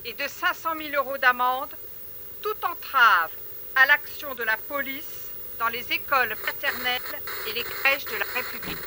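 A woman's voice: high-pitched, normal speed, sharp tone, slight background noise, rough recording. An actress playing a stern, unbending government spokeswoman making formal statements in pompous officialese for a radio play. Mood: solemn, unbending.

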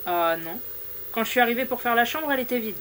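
A woman's voice: a little high, animated, fast talker, fairly bright tone. Woman as a plain-spoken chambermaid, faint noise behind. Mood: concerned, helpful. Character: blunt, helpful female chambermaid. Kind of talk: colloquial radio drama dialogue.

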